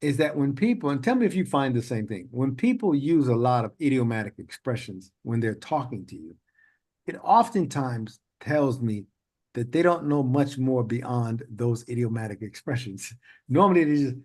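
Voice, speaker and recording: With a medium-pitched, slightly mellow voice and lively intonation at a moderate pace, a man runs an interview podcast in a casual style. He meanders into long stories and laughs frequently as he chats.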